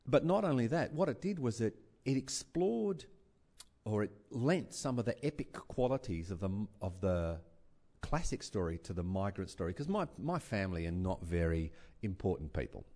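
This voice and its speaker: On a writers festival panel before an audience, an Australian man speaks earnestly and reflectively, often restarting and repeating words as he thinks aloud. His voice is fairly low with a darkish tone.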